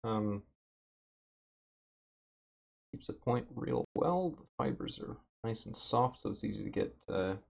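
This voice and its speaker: A man livestreaming as he paints a miniature, thinking aloud in a relaxed way with lots of fillers, his throat a bit dry and rough. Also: mid-range voice, a little slow, pauses often, highs cut off. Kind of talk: casual livestream chat. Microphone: desk mic with noise gate.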